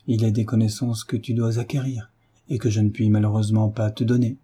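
A man's voice: on the low side, level tone, brisk, slightly rough. A man voicing a tender, firm mother. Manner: gentle, pleading, then firm.

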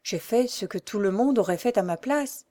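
A woman's voice: mid-range voice, lively intonation, normal speed, natural voice. Woman reading a shy, kind workman. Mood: gentle. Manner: gentle, plain-spoken. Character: shy working man, kind and reassuring.

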